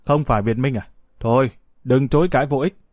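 A man's voice: medium pitch, brisk, darkish tone, no room sound, studio quality, natural voice. A man voicing a shrewd young male lieutenant who interrogates harshly. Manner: harsh, commanding.

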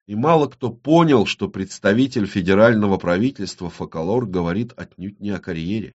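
A man narrating an audiobook with steady storytelling. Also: on the low side, a little fast, slightly rough. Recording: dull lo-fi recording.

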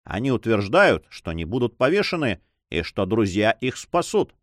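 A man's voice: lowish voice, big pitch swings, moderate pace, dry recording, studio quality. A man voicing a self-satisfied, swaggering Spanish coast guard captain in an audiobook. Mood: boastful.

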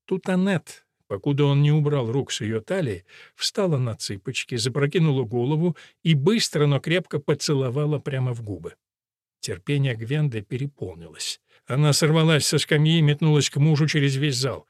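A man reading an audiobook aloud in measured scripted narration. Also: a little high, no room sound, clean studio sound. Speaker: audiobook reader.

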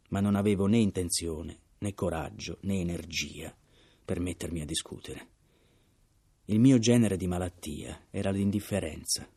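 A man reading a novel aloud in measured literary narration, his voice sinking softly at the ends of phrases. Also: low-pitched, slightly rough. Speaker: audiobook reader.

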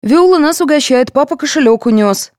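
A woman voicing a soft, indulgent mother who fusses and apologizes for her children in an audiobook. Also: sits high, lively intonation, a little fast, no echo, studio quality, pitched above the performer's own voice. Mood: fussing. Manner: fussing, apologetic.

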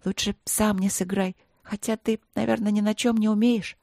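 A woman voicing a cheeky, chatty young princess in an audiobook, teasing and quick to chatter. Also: medium pitch, level tone, creaky, warm tone, dry recording, studio quality, voice pushed up, natural voice. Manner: bubbly, teasing, rapid chatter. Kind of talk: audiobook character voice.

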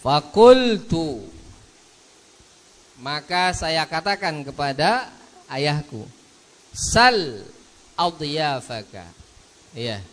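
Lively-pitched preacher, slow delivery. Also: male voice. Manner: chants Arabic text slowly, then explains in casual Indonesian; acts out quoted speech in a raised, heated voice. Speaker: Islamic preacher. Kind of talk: sermon retelling a hadith story.

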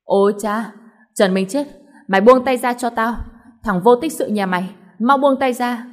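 A woman's voice: medium pitch, normal speed, natural voice. A woman voicing a scheming older mother-in-law who shrieks, wails and curses. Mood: shrieking. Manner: shrieking, wailing and cursing.

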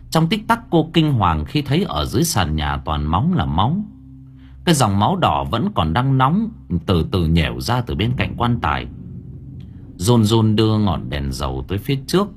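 A man narrating a horror audio story in a dramatic, expressive way. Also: mid-range voice. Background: faint background music.

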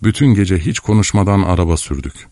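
A deep-voiced man narrating a novel in a measured, steady way. The recording is dry and close, with no room sound. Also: no room sound. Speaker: audiobook narrator. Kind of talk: scripted narration.

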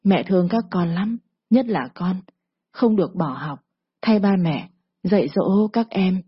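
A middle-aged mother speaks firmly and will not be talked out of her decision, as a woman reading a story puts her on. The voice is husky, on a dull lo-fi recording. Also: lowish voice, measured pace. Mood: dying, weak. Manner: firm, decisive.

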